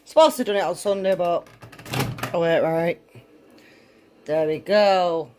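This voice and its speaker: The speaker is a woman from northern England who vlogs as a home cook, talking bluntly and chattily in her kitchen while giggly and a bit drunk, full of exclamations and swearing. She has a fairly low voice with fairly even intonation and an unhurried pace, and there is background noise.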